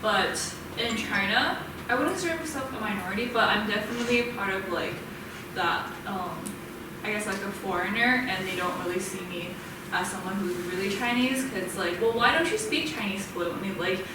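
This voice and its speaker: A woman's voice: medium pitch, moderate pace. A young woman student chatting in a group discussion, hesitant and full of fillers. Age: young adult. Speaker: student participant. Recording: echoey room, distant mic, background noise.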